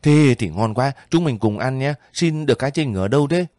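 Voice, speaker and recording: A man's voice: medium pitch, animated, moderate pace, dark tone, no echo, studio quality, voice pushed up, natural voice. A man reading an earnest feverish young soldier. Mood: eager. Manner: pleading, earnest.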